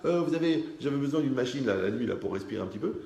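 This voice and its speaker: A man's voice: medium pitch, animated, rapid-fire, gravelly, mellow. A man teaching a religious class, with a mid-range voice that rings through an echoey room. He mixes moral lessons with jokes and turns to address his listeners directly. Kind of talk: religious class lecture with humorous anecdotes.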